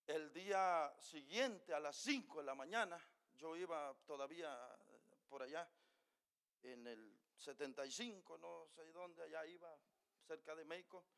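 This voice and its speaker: A middle-aged male pastor with a voice that sits high preaches a sermon. He tells a personal story with emotion, his delivery dropping quiet and then rising loud.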